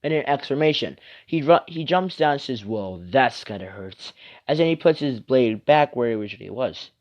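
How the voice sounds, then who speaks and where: A man's voice: mid-range voice, brisk. A man reading an improvised fan story aloud, rambling with many asides and fillers. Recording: muffled lo-fi recording.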